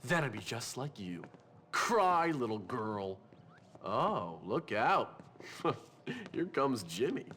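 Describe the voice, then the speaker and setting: An actor playing a manipulative teenage schoolboy bully in a video game, mocking and theatrically sarcastic. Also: male voice, mid-range voice, sing-song, slow pace, a bit bright, a little hiss or hum.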